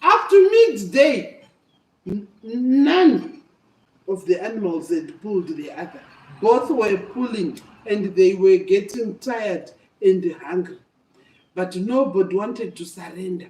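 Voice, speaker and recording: An older woman tells a story to children in an animated, emphatic, repetitive, teacherly way. Her medium-pitched, slightly mellow voice has lively intonation and an unhurried pace. She is some distance from the microphone in an echoey room.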